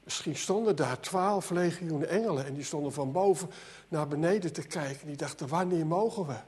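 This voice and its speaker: A man's voice: fairly high pitch, a little fast, a little mellow, breathy edge. A man preaching a sermon, earnest, often repeating words as his voice swells and sinks. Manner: earnest, repeats words, voice rises and drops sharply.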